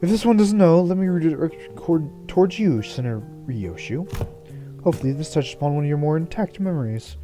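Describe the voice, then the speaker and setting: A man voicing a polite, inquisitive investigator who speaks in a formal, measured way. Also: a little high, lively intonation, mellow, soft background music, close to an everyday voice. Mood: inquiring.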